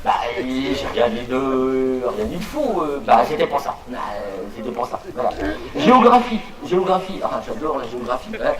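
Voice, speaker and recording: A man's voice: medium pitch, normal speed, few pauses, a crowd in the background. A man performing stand-up comedy, telling a story with stammering restarts and acting out the characters. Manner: animated, stammering restarts, acts out voices. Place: live show venue with audience. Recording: roomy live stage sound from a distance, audience.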